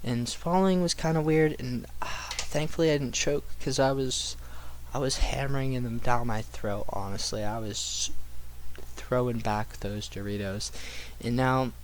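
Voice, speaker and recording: A young man tells a casual anecdote in a mid-pitched voice. His delivery is rambling and full of slang and swearing. There is faint noise behind him. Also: fairly even intonation, measured pace. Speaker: storyteller.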